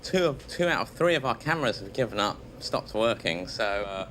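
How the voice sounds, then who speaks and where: Man, presenter, lisp, bright tense thin voice, casual explanation, pressure chamber, faint noise. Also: animated, fairly quick, poor audio. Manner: strangely high, thin voice from dense air.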